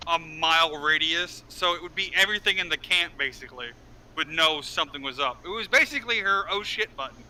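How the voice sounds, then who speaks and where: A man's voice: fairly high pitch, fairly quick, pushed and bright, slight background noise, low-quality recording. A man running a tabletop game as game master, narrating casually and swearing freely.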